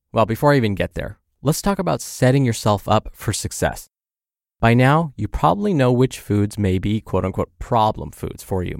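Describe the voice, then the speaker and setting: A man's voice: lowish voice, a little mellow, no room sound, clean studio sound. A man hosting a health advice show in an upbeat, tidy, instructive manner, speaking directly to the listener in a scripted style. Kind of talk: scripted advice podcast narration.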